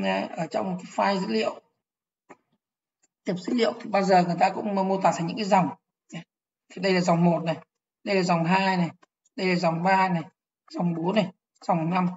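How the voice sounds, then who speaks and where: A woman's voice: medium pitch, brisk, darkish tone, highs cut off. A woman teaching programming in an online lecture, explaining step by step, repeating key phrases and asking if the class follows.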